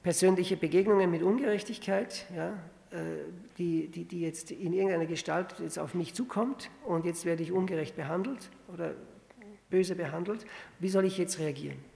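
A man's voice: high-pitched, moderate pace, creaky, mellow. A man preaching a conversational sermon that works through a Bible passage. He restarts often and asks his listeners rhetorical questions. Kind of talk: sermon, verse-by-verse Bible exposition. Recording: long hall reverb.

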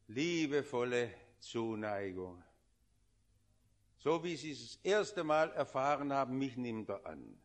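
A man preaching a sermon, earnestly swelling loud on quoted prayers and then dropping low and slow.

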